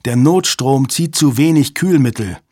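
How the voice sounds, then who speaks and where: A man voicing a desperate, snarling male hostage-taker in an audiobook, shouting threats. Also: medium pitch, normal speed, dry recording, studio quality, voice pushed up, lightly acted. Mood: shouting, threatening. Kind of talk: audiobook character voice.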